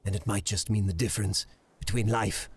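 A man playing a proud goblin-like potion merchant in a video game, giving a gruff, haughty pitch full of grave warnings in a raspy voice. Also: fairly even intonation, a little fast. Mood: grudging respect.

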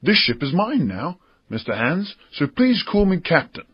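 A man's voice: a little high, big pitch swings, measured pace, husky, dry recording, highs cut off, pitched above the performer's own voice, full character voice. A man voicing a brave, determined boy sailor who speaks eagerly and earnestly.

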